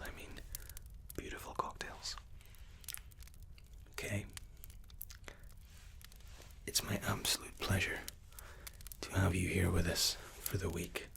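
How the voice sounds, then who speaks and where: A man with a low-pitched voice and vocal fry performs an ASMR role-play as hotel and spa staff, whispering softly, unhurriedly and courteously.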